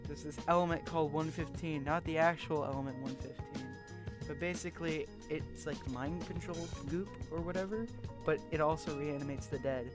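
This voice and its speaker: A man's voice: fairly high pitch, normal speed, over music. A young man co-hosting a podcast, explaining a story in an offhand way with throwaway asides. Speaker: podcast co-host. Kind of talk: casual group chat.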